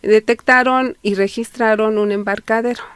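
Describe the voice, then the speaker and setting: A woman's voice: fairly high pitch, steady tone, moderate pace, fairly bright tone, clean tone, no room sound. A Mexican woman with a Mexican Spanish accent, a historian guest on a radio interview, explaining at length with frequent fillers and restarts. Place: radio studio. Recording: dry radio studio.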